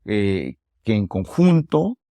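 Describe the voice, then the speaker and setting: A man with a fairly low voice hosting a podcast interview, keen and chatty, with frequent restarts as he builds his point. The sound is dry and close. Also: sing-song, takes it slowly, dark tone, no echo. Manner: enthusiastic, conversational, often repeats words. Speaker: podcast host, English coach. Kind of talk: casual interview.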